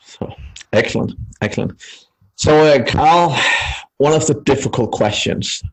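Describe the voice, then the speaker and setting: Gravelly-voiced male podcast host. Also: mid-range voice, unhurried, low-quality recording. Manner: jokey, asks rambling questions. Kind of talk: casual interview.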